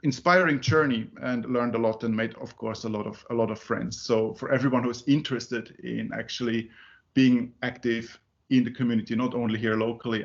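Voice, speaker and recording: The audio is dull as a conference speaker, a man from Finland who grew up in Zurich, addresses a user group meeting. English isn't his first language, and his medium-pitched, gravelly voice is peppered with fillers and restarts.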